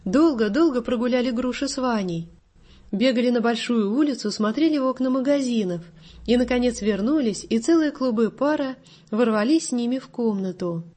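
A woman narrating a story aloud in a measured storytelling manner. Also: on the high side, dark tone, husky.

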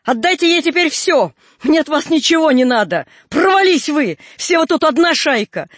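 A man's voice: fast talker, no echo, natural voice. A man reading a storybook, voicing an enraged young peasant wife who shrieks and rants at her in-laws. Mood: furious shouting. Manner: shrill, loud, ranting.

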